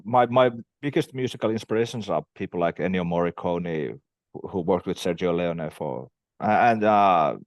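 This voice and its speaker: A man in a casual conversation about music, enthusiastic and halting, with frequent restarts. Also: deep voice, dry recording. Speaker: interviewer, band member.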